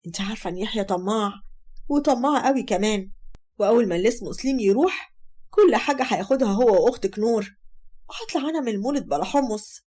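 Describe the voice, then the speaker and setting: A woman's voice: on the high side, lively intonation, quick pace, darkish tone. A woman with an Egyptian accent voicing a harsh, scheming mother who scolds sharply. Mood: scolding. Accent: Egyptian Arabic.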